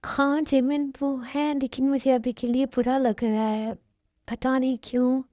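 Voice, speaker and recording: A woman voicing a gentle, withdrawn young woman who speaks slowly and softly in a fan dub. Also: sits high, level tone, dry recording, clean studio sound. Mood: subdued. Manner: slow and subdued. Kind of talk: fan dub dialogue acting.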